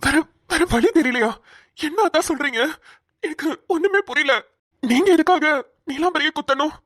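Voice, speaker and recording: A woman's voice: high-pitched, lively intonation, moderate pace, fairly bright tone, no echo, studio quality. A woman voicing an earnest, protective young male police officer in a cartoon, talking urgently and stammering at times. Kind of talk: cartoon voice acting.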